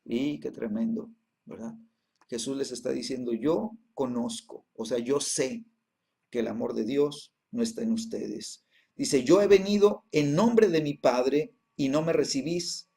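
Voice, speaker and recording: A man teaching a Bible class, reading verses slowly and then explaining them with many hesitations and repeated tag questions. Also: mid-range voice, creaky, dark tone.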